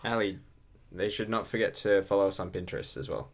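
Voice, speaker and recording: A man co-hosting a casual group chat, chiming in with quick wisecracks. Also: sits low. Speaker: co-host.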